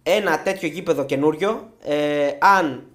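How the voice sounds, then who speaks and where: A man co-hosting a casual football podcast who walks through betting odds for listeners. His voice sits a little high for a man, and he explains things patiently, in a chatty tone. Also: fairly bright tone. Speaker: podcast co-host.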